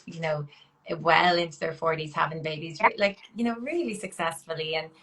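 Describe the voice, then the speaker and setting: Encouraging woman interviewer, slightly low voice. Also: fairly quick, fairly bright tone. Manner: encouraging, frequent backchannels. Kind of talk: conversational interview.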